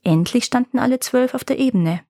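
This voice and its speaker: A woman podcast host calmly narrating a short legend in a measured, scripted reading. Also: a little high, no room sound, clean studio sound. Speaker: podcast storyteller. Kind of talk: scripted fairy-tale narration.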